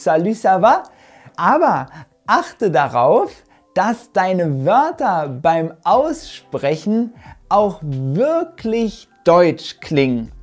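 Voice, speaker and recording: A woman teaching German pronunciation in an online lesson, modeling words slowly and clearly, syllable by syllable. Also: medium pitch, darkish tone.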